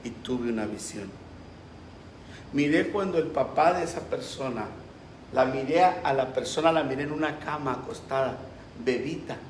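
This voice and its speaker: A man's voice: medium pitch, moderate pace, a little hiss or hum. A pastor preaching a sermon with passion, acting out the voices he quotes. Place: church. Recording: roomy echo.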